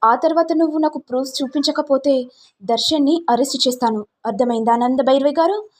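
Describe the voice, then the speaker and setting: Woman doing harsh male police inspector, mocking, bullying, high-pitched reading. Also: fairly quick, natural voice.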